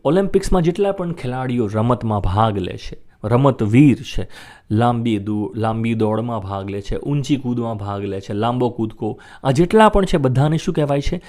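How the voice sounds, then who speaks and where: Speaking his native Gujarati, a man teaches English vocabulary, saying each word slowly several times and asking listeners to repeat after him. His voice is medium-pitched and animated, with a darkish tone.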